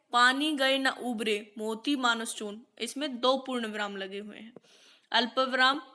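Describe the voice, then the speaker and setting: A woman teaching a grammar lesson, explaining rules and reading example sentences out slowly. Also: sits high, pushed and bright.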